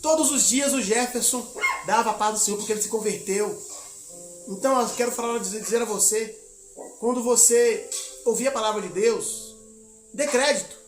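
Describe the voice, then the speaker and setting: A man's voice: very high-pitched, moderate pace, reverberant, faint music behind. A man from Minas Gerais, a missionary preacher, telling a testimony in a sermon, acting out the dialogue of his story and exhorting the congregation. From Minas Gerais, Brazil.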